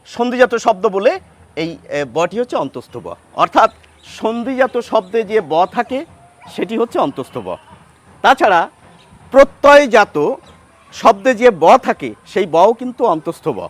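A man's voice: very high voice, expressive, moderate pace, long pauses. A man with a Bengali accent teaching a grammar lesson, sounding out example words and asking questions before he answers them.

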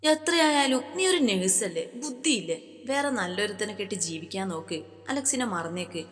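A woman voicing a worried older woman who pleads for quiet, in a storybook reading. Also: medium pitch, expressive, moderate pace, big-room sound, close to an everyday voice. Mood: anxious. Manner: pleading, hushed.

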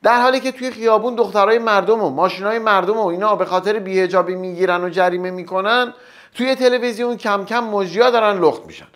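Very high-voiced young male comedy host. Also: fairly bright tone. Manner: joking, teasing banter with quick asides. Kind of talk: satirical stand-up monologue.

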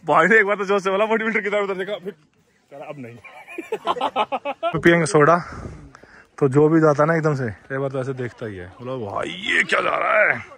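A man's voice: a little high, fast. A man vlogging outdoors at a hilltop fort, joking and chatting with passersby. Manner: excitable, joking, calls out to strangers. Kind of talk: casual vlog chat with passersby.

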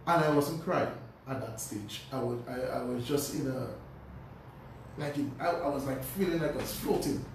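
A man's voice: mid-range voice, moderate pace, recorded from a distance. Man telling a story in an echoey room. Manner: animated storyteller, frequent restarts and repeated words. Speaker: guest, pharmacist. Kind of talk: personal storytelling in a radio interview. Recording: very echoey room, voice from off-mic, faint noise.

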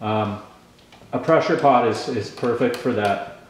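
Forties guy, casual tool-vlog host, mumbles through gum, lots of ums, mid-pitched, very echoey room. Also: a little slow, slight background noise. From Canada. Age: 40s. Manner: rambling, lots of ums and restarts. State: chewing gum, slightly mumbled. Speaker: channel host.

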